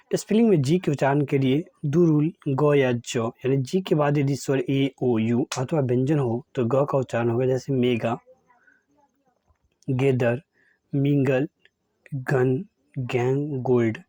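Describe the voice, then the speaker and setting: A man gives an English pronunciation lesson. He states each rule and then reads a list of example words one at a time. His voice is warm and mellow, and the recording is dry and close. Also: mid-range voice, moderate pace, dry recording. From India. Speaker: English teacher.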